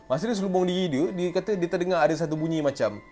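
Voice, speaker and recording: A man with a Malaysian Malay accent telling a ghost story in a casual way, acting out sounds and voices with animated delivery. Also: high voice, rapid-fire, over loud music. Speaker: storyteller host.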